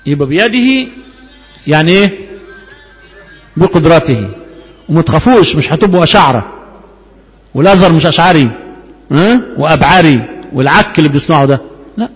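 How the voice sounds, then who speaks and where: A man's voice: a little high, expressive, a little fast, long pauses, breathy edge, in a large hall, faint music behind, poor audio. A man with an Egyptian Arabic accent teaching a Quran tafsir lesson. He asks the class questions, answers them himself and draws out key words. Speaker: religious teacher.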